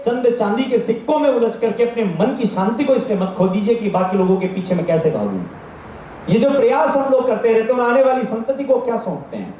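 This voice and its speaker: A man with a Rajasthani accent delivers an earnest, exhorting religious discourse in a high, mellow voice. He is picked up from a distance, and the sound rings with heavy echo. A faint hum sits underneath. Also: big pitch swings, brisk. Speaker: spiritual speaker. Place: large gathering space. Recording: echoey from far off.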